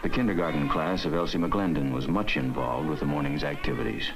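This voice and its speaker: A man narrating a scripted documentary in a solemn, dramatic, deliberate way. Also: extremely low pitch, music in the background.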